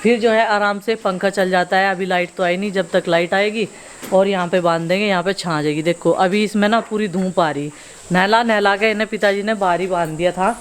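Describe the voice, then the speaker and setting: A family vlogger in her thirties films daily life outdoors at her village home, speaking briskly in a steady, mid-range voice. She's chatty, explaining things as she goes and teasing the kids.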